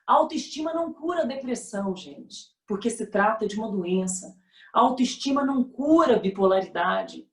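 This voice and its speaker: Expressive Brazilian woman speaker, echoey room. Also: a little high. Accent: Brazilian Portuguese. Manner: expressive storyteller, acts out quoted voices. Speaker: guest speaker. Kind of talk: motivational talk.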